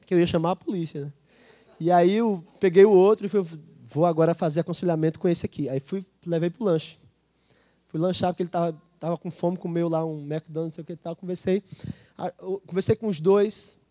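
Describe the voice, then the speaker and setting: A man's voice: high voice, steady tone, fairly quick, warm tone. A male Brazilian pastor preaching a sermon, telling stories in a conversational way and acting out dialogue. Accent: Brazilian Portuguese. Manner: storytelling, conversational with quoted dialogue.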